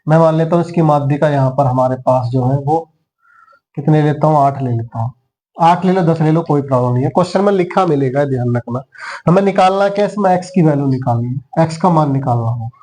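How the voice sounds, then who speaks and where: Guy teaching a maths lesson, kinda high-ish mellow voice, walks you through every step. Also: quick pace. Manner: talks students through each step, counting aloud. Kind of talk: classroom lesson.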